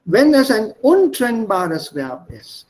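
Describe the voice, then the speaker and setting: A man teaching German pronunciation in an online lesson, explaining slowly and deliberately and switching between German and English. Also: high voice, very animated, darkish tone, slight background noise, rough recording.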